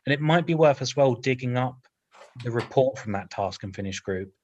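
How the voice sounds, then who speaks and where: A man's voice: mid-range voice, animated, a little fast, dull audio, a little hiss or hum. A male councillor speaking in a council committee meeting, hesitant, often repeating words, with light humour.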